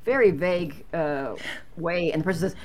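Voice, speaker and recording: Chatty woman telling a story, low voice. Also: normal speed. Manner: chatty storyteller, animated when telling anecdotes. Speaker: guest. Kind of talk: casual podcast chat.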